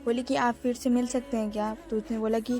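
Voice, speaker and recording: A woman's voice: on the high side, level tone, fast, warm tone, faint music behind. Chatty young woman vlogging. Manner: chatty, addresses her audience as friends. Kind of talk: casual vlog narration.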